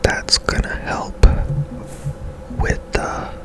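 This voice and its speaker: A game host offers ASMR gameplay commentary in a soft, breathy whisper, gentle and unhurried with pauses.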